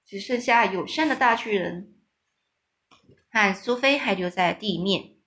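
A woman reading a children's book aloud in episodes, stopping to explain hard words in simple terms, in a relaxed manner with small restarts. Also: medium pitch, measured pace. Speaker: storyteller.

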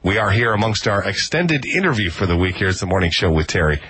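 A man's voice: on the low side, big pitch swings, brisk, a bit bright, breathy edge. A man hosting a morning radio show, talking loosely and rambling with fillers in a studio. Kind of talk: casual radio interview. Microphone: studio microphone.

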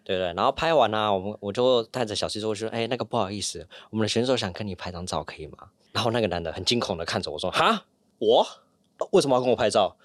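Male podcast guest; self-mocking storyteller, rapid delivery, dry close mic. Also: on the low side, no room sound. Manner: chatty, self-mocking anecdotes. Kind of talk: casual podcast chat.

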